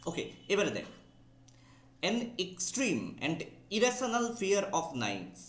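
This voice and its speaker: A Bengali-accented man teaches an online exam class in a slightly high voice. He stretches out English words and spells them letter by letter. The sound carries a roomy echo. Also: wildly swooping pitch, a bit bright. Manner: drawls key English words slowly, spells them out letter by letter, asks "ঠিক আছে?" often.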